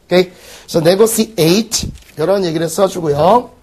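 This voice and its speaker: High-voiced man teaching English. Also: slightly rough. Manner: lively, quizzes the class with quick rhetorical questions. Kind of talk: recorded exam-prep lecture.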